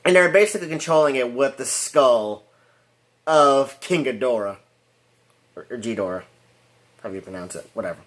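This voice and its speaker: A man's voice: medium pitch, normal speed, pauses often, fairly bright tone. A man giving a rambling casual movie review, full of restarts and fillers and laughing at his own jokes.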